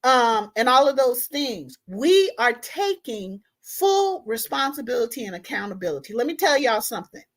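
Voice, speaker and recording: This online talk host has a voice on the high side and is very animated, speaking at normal speed with few pauses. She is emphatic and impassioned, informally addressing viewers directly and repeating tag questions.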